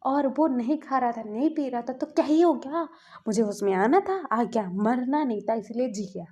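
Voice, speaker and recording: A woman's voice: fairly high pitch, expressive, moderate pace, mellow. A woman voicing a rude, stubborn young man who snaps at his family. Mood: angry. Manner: curt, angry.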